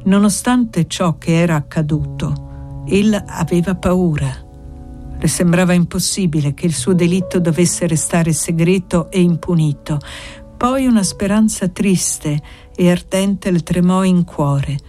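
Warm-voiced woman reading a novel aloud. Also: fairly low pitch, unhurried, faint music behind. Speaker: audiobook reader. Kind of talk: literary audiobook narration.

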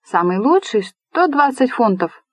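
A woman's voice: fairly high pitch, very animated, normal speed, dry recording, voice pushed up. A woman playing a brash, rude young man. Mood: boastful. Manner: loud, blunt, bossy.

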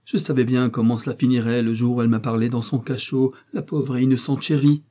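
A man's voice: medium pitch, flat delivery, fairly quick, dark tone, lightly acted. A man voicing a distraught, loyal woman servant who wails in grief. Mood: wailing. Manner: wailing, hand-wringing.

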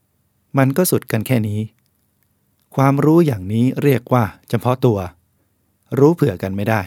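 A man's voice: mid-range voice, normal speed, mellow, dry recording, studio quality. A man, a Buddhist monk, reading a book of essays aloud in a plain, explanatory way and speaking directly to the listeners.

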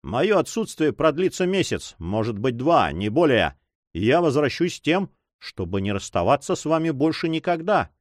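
A man's voice: a little high, sing-song, normal speed, no echo, studio quality. A man voicing a secretive young man in love in his own voice, earnest, reassuring and insistent.

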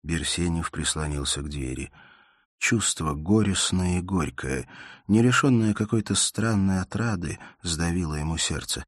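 A man reading a novel aloud in measured, scripted storytelling. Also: deep voice, no room sound, studio quality. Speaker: audiobook narrator. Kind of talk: scripted literary narration.

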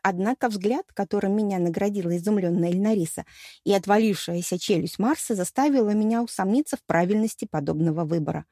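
A woman reads a fantasy novel aloud in the first person, with a wry, storytelling delivery. Her voice is warm and mellow, and it sits at a middle pitch. The sound is dry and close to the mic. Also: fast talker, dry recording. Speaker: audiobook narrator. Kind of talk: scripted first-person narration.

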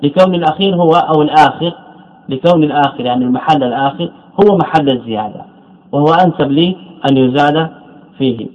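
A man teaching a classical grammar text in a lecture, stretching out example words slowly and restating terms as he goes. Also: on the high side, a little mellow. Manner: drawn-out syllables on example words, repeating terms and correcting himself. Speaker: Islamic scholar teaching Arabic morphology. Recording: dull lo-fi lecture recording.

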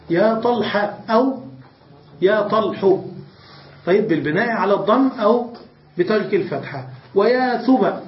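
A man, a sheikh, teaching an Arabic grammar lesson, asking his students questions and repeating examples slowly. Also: high voice. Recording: roomy, distant, dull lo-fi recording.

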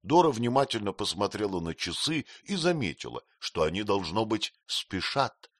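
A man giving an expressive, measured first-person narration of a novel as an audiobook reader. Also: fairly low pitch, dry recording, studio quality.

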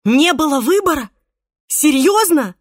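A woman's voice: mid-range voice, slow, a little mellow, breathy edge, no room sound, studio quality. Woman voicing a terrified young woman. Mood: accusing. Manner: crying out in alarm. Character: frightened young woman fighting for her life.

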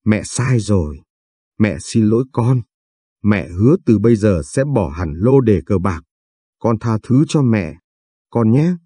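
A tearful, indebted mother begs her child for help, her voice low and dark, as a male narrator reads her lines. The sound is husky and soft-edged, in a dry, close recording. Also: animated, unhurried, no echo. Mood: pleading. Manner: begging, weepy pleading. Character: desperate indebted middle-aged mother, pleading and tearful.

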